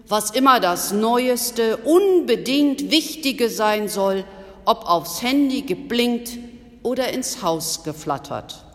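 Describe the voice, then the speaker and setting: Slow, measured woman pastor preaching. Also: medium pitch. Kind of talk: Easter sermon. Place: church. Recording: long church reverb.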